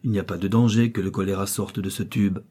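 A man's voice: lowish voice, fairly even intonation, fast talker, warm tone, husky. A man reading a storybook, voicing an eccentric old male scientist with a taste for rhetoric. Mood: rhetorical.

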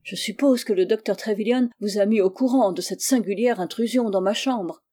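A woman's voice: mid-range voice, moderate pace, warm tone, lightly acted. A woman voicing a nervous, corpulent older man who speaks in a trembling, agitated way. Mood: anxious.

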